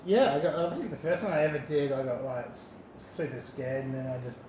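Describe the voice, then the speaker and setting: A man's voice: on the high side, brisk, a little mellow. A man, a comedian guest, answering in a laid-back mumble with short replies, recorded in a comedy club after a show. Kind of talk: casual chat. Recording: echoey room with faint noise.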